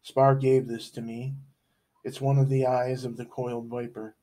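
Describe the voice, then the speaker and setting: A man's voice: medium pitch, little pitch movement, normal speed, mellow, close to an everyday voice, rough recording. A man voicing an anxious boy who explains things in a hesitant, earnest way.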